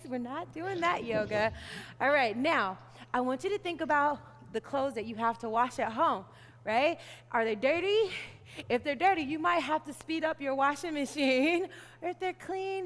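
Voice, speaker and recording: A young woman leading a kids yoga class in a playful, upbeat way, laughing often. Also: high-pitched. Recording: long hall reverb.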